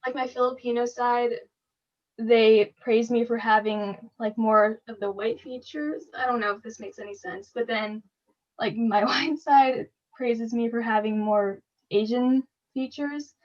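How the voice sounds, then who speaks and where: On slightly dull lo-fi audio, a teenage girl co-hosting a podcast keeps the talk casual and chatty, laughing often and leaning on "like" and "you know". Her voice is a little high and a little mellow, steady in tone and unhurried.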